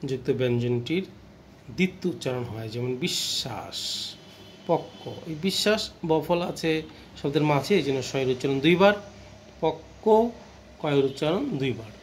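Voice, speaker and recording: A man's voice: a little high, expressive, slight background noise. Teacher man with a raised voice. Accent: Bangladeshi Bengali. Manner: explains slowly, repeats rules, asks the class questions. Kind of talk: grammar lesson.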